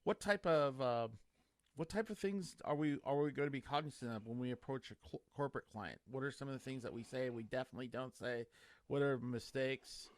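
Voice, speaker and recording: Halting male interviewer. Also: mid-range voice, dry recording, studio quality. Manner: halting, loose, stacks restarts in questions. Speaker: interviewer host. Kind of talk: casual interview.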